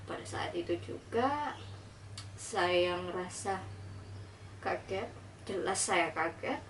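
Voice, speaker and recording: A woman's voice: fairly low pitch, lively intonation, slow. A young woman, earnestly telling her personal story and acting out the conversations in it. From Indonesia. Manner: earnest, reflective retelling, acting out dialogue. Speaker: vlogger. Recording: slightly distant mic with faint noise.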